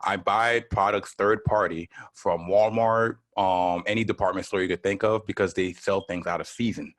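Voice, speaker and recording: A man from Miami, a podcast guest talking in a relaxed, chatty way, often checking in with a quick "right?". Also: low voice. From Miami, United States. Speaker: guest, entrepreneur. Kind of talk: casual interview chat.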